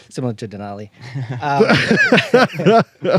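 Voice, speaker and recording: A man's voice: on the high side, huge pitch swings, extremely slow, noisy background. A man born in Mexico and raised near Chicago, a native Spanish speaker, chatting in a laid-back way with lots of laughs and fillers. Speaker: guest artist in residence. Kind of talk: casual chat. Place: podcast studio.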